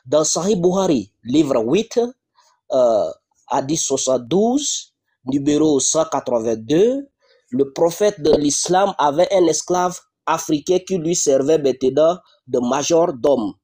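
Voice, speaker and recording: A man's voice: fairly high pitch, lively intonation, slow, warm tone, breathy edge. A man reading out religious texts in a live online debate, insisting and repeating rhetorical questions.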